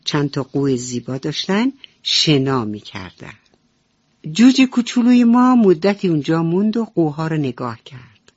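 A woman's voice: low-pitched, sing-song, a little mellow, slightly rough, no room sound. A woman storyteller narrating a bedtime story for children, speaking to them tenderly and fondly. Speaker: radio storyteller. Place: radio studio. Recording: dull radio recording, faint music.

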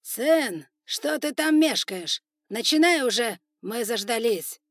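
Brief: woman doing a cruel male spider overlord, loud, raised, contemptuous, dry close read. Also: on the high side, expressive, slow pace, no echo, voice pushed up, full character voice. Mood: scornful. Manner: shouting orders, harsh and contemptuous. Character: furious older male spider lord, cruel ruler. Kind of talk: audiobook character voice.

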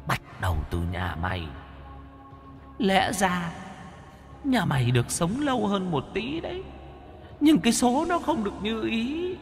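A man voicing a cruel female demon who eats souls, speaking in a high, hushed, mocking and menacing way. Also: huge pitch swings, measured pace, long pauses, in a large hall, over music, full character voice. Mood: mocking menace. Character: cruel cackling female demon, soul-eater.

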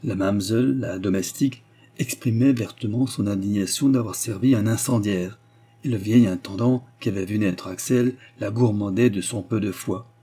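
Husky, dark-toned male audiobook narrator. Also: lowish voice. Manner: measured, expressive reading.

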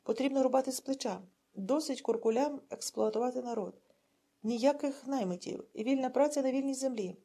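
A woman reading an audiobook and voicing a zealous male secret-police officer who speechifies until he is hoarse. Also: high-pitched, fairly quick. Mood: fervent. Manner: fiery speechmaking, rising to shouts.

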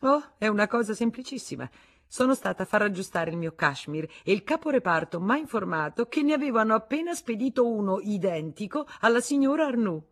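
A woman's voice: low-pitched, normal speed. A woman reading an audiobook, voicing a wounded wife who confronts her husband with cold, bitter irony. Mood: accusing.

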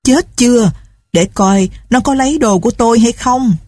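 A woman's voice: on the high side, moderate pace, a little mellow, no room sound, studio quality, pitched above the performer's own voice, lightly acted. A woman voicing a poor, sick young mother, plaintive and lamenting. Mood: panicked.

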